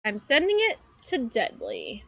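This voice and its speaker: A high-pitched woman hosts a gaming stream, chatting loosely and giggling often. Her voice sits close and dry on the mic, with no room sound around it. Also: huge pitch swings, a little slow, sharp tone, no room sound, lo-fi sound. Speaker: streamer playing an online party game with friends. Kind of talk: casual gaming chat.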